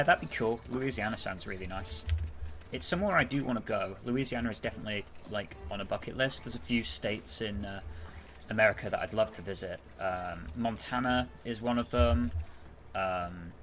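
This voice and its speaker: A man's voice: on the low side, a bit bright, a little hiss or hum. A British man casually commentating his game on a live stream, chatting with viewers as he plays. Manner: chatty, reads and answers chat while playing. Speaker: gaming streamer.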